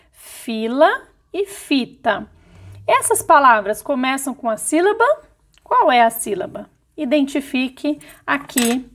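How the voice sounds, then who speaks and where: A woman teaching young children in a recorded video lesson, sounding out words slowly syllable by syllable. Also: sits high. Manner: slow, careful syllable-by-syllable dictation. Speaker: primary school teacher.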